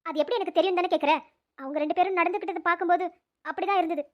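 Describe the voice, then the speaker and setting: A woman's voice: very high-pitched, fairly even intonation, rapid-fire, dull audio. A woman voicing an earnest young female doctor in a cartoon, speaking persuasively. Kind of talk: cartoon voice acting.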